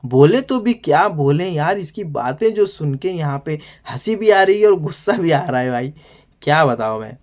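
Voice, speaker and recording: A man's voice: a little high, expressive, moderate pace, darkish tone. Man, TV show reviewer, casual episode recap, rambling, exasperated asides. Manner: rambling, fills every sentence with "here" and "brother".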